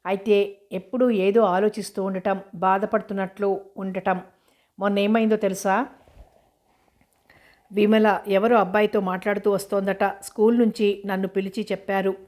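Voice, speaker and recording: A woman reading as a shy young woman, anxious and earnest, speaking in a flat, even voice. The reading is steady and level, as in a storybook read aloud. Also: mid-range voice, normal speed, close to an everyday voice. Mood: troubled.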